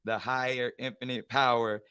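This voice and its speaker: The host's mid-range voice is clean and moderately paced, recorded dry. Chatting informally with a guest on his show, he's lively and often backs up to begin a sentence again.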